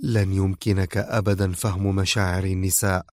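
A man voicing a defiant female spy held captive, sharp and sarcastic in her replies. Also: mid-range voice, normal speed, no echo, clean studio sound, natural voice.

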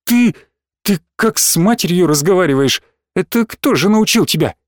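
A man voicing an angry middle-aged mother who yells and scolds in an audiobook. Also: high voice, expressive, moderate pace, slight background noise, voice pushed up. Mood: furious. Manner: yelling, scolding.

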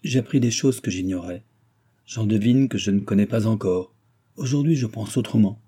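A man's voice: lowish voice, normal speed, mellow, breathy edge. A man playing a cold, arrogant young man who lectures with disdain in a read-aloud novel. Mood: lecturing.

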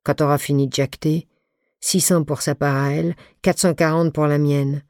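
A woman reading a calm, gruff male music-hall partner who never raises his voice. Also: sits low, moderate pace, studio quality. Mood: blunt.

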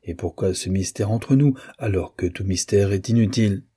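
A resigned young nephew, read by a man narrating an audiobook, speaking politely with a dry, ironic restraint. The voice is low, dark and husky. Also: normal speed. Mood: aggrieved. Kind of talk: audiobook character reading.

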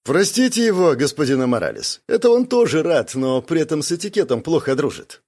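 Male reader voicing a pompous, affable nobleman, high and animated. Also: brisk, slightly rough, exaggerated voice. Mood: condescending.

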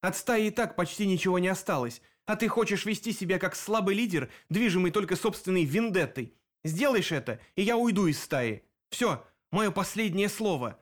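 A man reading an audiobook, voicing a young woman who grieves her murdered friend and wants revenge, with an emotional, sharp voice. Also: a little high, brisk, pitched above the performer's own voice, close to an everyday voice. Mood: protesting.

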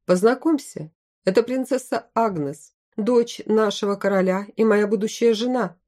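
A woman's voice: medium pitch, moderate pace, a little mellow, lightly acted. A woman voicing a loyal, emotional male general. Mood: cheerful. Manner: urgent exclamations.

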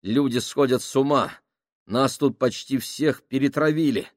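A man voicing a terrified, panicking male sailor who shouts frantically in a high strained voice. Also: big pitch swings, unhurried, no room sound, studio quality, full character voice. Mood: panicked.

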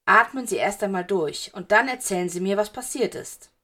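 A woman voicing a stern, cool male schoolteacher who speaks in low, measured, clipped commands. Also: animated, gravelly, a bit bright. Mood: stern, commanding.

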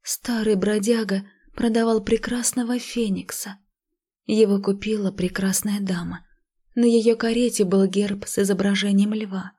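A woman voicing a listless, melancholy fifteen-year-old village girl who speaks flatly and half in a whisper, in a storybook reading. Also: mid-range voice, unhurried, breathy edge. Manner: flat, emotionless, half-whispered.

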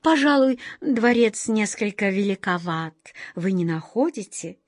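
A woman's voice: medium pitch, expressive, measured pace, no room sound, studio quality. A woman voicing a haughty, imperious female mouse queen in a storybook reading. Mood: gracious. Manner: commanding, condescending.

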